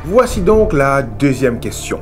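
A man in his thirties with a Mauritian accent, acting as a formal TV game show host who announces with drawn-out key words. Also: mid-range voice, sing-song. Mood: formal, suspenseful. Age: 30s. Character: smooth, eager male TV game show host in a parody. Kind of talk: game show host presenting in a sketch comedy. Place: TV studio set. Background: game show music.

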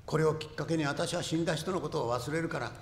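A rakugo storyteller voicing a tearful Edo-era courtesan with a soft, hushed manner, recorded in an echoing hall. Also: male voice, on the high side, quick pace, creaky. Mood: coaxing. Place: stage before an audience.

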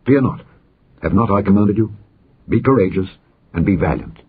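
A man's voice: lowish voice, animated, moderate pace, slightly rough. A man reading an insistent scheming prince. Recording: dull lo-fi audio recording.

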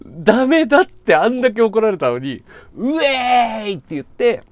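A male streamer spins a comic story in easy conversational chat, swinging his pitch wildly up and down as he slips into other people's voices. He breaks into laughter often between the bits. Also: sing-song, brisk, no echo. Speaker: live streamer.

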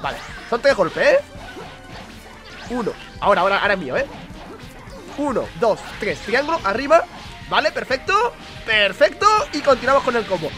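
A young Spanish-accented man gives rapid, high-pitched play-by-play of his own match, his voice leaping all over the place. He counts out button combos and swears loudly whenever he slips up. Faint music plays underneath. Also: sing-song. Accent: Spain Spanish. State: ill with a cough. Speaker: gaming YouTuber. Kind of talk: live gameplay commentary.

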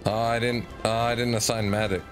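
A man's voice: mid-range voice, little pitch movement, fairly quick. A man giving casual, slangy, foul-mouthed commentary as he streams a video game. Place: indoor room, webcam stream. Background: game music.

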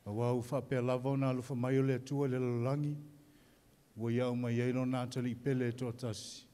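A man's voice: mid-range voice, flat delivery, quick pace, dark tone, clean tone. A man from American Samoa, a pastor, reading scripture and addressing an audience in a solemn, preacherly way into a handheld microphone. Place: large indoor hall with an audience. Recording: long hall reverb.

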